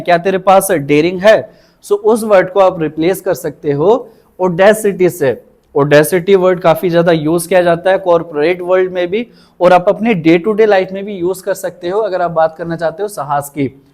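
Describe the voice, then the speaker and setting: High-voiced man teaching vocabulary. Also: a little mellow. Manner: explains patiently, repeats words slowly for pronunciation. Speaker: English teacher. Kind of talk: vocabulary lesson.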